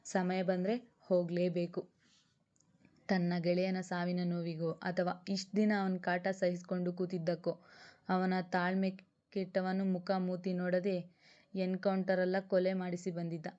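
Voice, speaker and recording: A woman narrating a serialized audio romance drama in a steady, dramatic reading, on a dull lo-fi recording. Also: lowish voice, a little slow. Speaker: storyteller. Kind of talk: scripted audio story narration.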